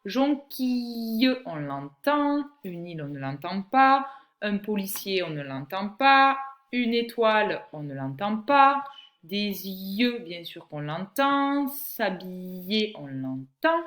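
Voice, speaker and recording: A woman teaching a phonics lesson to young children, reading words slowly and clearly and encouraging the child. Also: mid-range voice, sing-song, fairly bright tone. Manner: encouraging, addresses the child directly. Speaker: primary school teacher.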